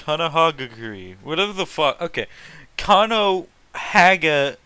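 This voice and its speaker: A host reads fan fiction aloud in a loose, mocking style, cursing, incredulous and often pausing to react. His fairly high voice swings widely in pitch and is a little slow, bright and forceful. The tone is clean and the recording dry.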